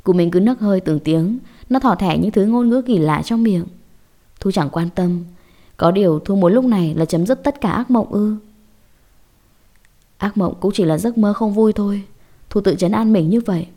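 A woman telling a scripted horror story in a measured, dramatic way. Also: medium pitch, mellow.

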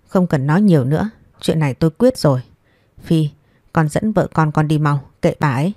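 A woman's voice: low voice, expressive, fairly quick, dark tone, dry recording, clean studio sound. Woman voicing a stern old family patriarch. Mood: angry. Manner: stern, firm, reproachful. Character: stern old father, strict family head.

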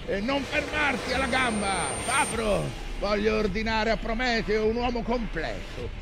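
Captain Ahab, high-pitched, imperious obsessed whaler. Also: male voice, gravelly, noisy background, heavily acted. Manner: grandiose, imperious declamation. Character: obsessed, commanding old whaling captain with an injured leg. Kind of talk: theatrical stage monologue. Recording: music loud behind the voice.

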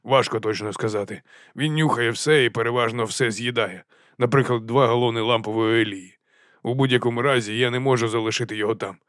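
A man voicing a gloomy, curt middle-aged watch captain in an audiobook, speaking slowly. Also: medium pitch, fairly even intonation, fairly bright tone, dry recording, studio quality, close to an everyday voice. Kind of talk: audiobook character voice.

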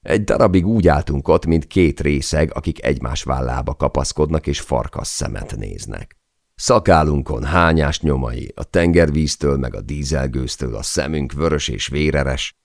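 A man narrates an audiobook in a steady, dramatic manner. His voice sits extremely low with a gravelly texture. The recording is dry and close with no room sound. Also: no room sound. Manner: measured, dramatic storytelling.

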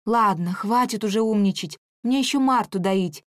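A woman's voice: medium pitch, moderate pace, no echo, natural voice. Firm, dryly joking village mum , read by a woman, close dry sound. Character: mother of two girls, village housewife.

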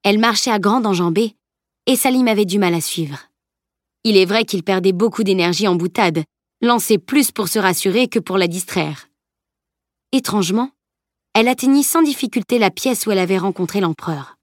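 A woman reading a fantasy novel aloud in steady, measured narration, her pitch sitting in a middle range. The sound is dry and close, with no room around it. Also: no room sound. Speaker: audiobook narrator. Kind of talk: scripted narration.

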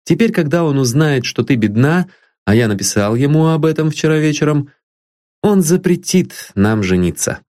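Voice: medium pitch, lively intonation, moderate pace, a little mellow, pitched above the performer's own voice, close to an everyday voice. A reader voicing an earnest, tender young man in an audiobook. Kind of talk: audiobook reading.

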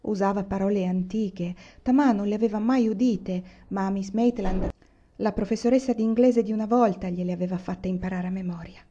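Brief: woman reader of literary fiction, measured and warm-toned. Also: medium pitch, steady tone, dull audio, slight background noise. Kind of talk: reading a novel aloud.

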